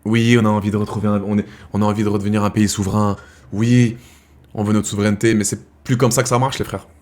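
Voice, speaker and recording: A man with a fairly low voice hosts a live chat, speaking in loose, slangy everyday talk. He keeps addressing his viewers as brothers and circles back over his own half-finished sentences. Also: flat delivery, quick pace, darkish tone. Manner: slangy, calls viewers "brothers", rambling restarts. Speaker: host of a live chat show. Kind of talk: casual live chat with viewers, reading comments.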